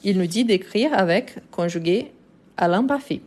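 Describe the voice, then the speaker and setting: A woman with French and Brazilian roots teaching French grammar in a live online lesson, speaking slowly and deliberately with frequent fillers and restarts. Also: medium pitch, expressive, a little mellow. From France and Brazil. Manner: slow, deliberate, explanatory with many fillers.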